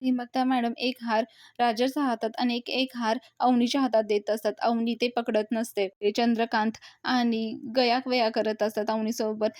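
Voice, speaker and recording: A woman's voice: a little high, flat delivery, moderate pace, a little mellow, no room sound, studio quality. A woman hosting a channel that reviews a TV serial. She retells each scene in a casual way, reads out the characters' lines, and makes small slips and uses fillers. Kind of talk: casual episode recap.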